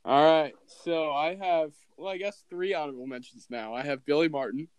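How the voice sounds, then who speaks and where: A man's voice: on the high side, fairly quick, clean tone, no room sound. A man chatting easygoingly on a podcast, explaining his picks. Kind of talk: casual chat.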